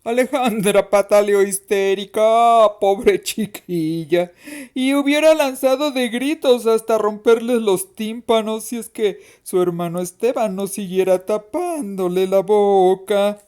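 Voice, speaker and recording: A woman narrating a mystery story in a slow, expressive, suspenseful reading. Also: mid-range voice, clean tone.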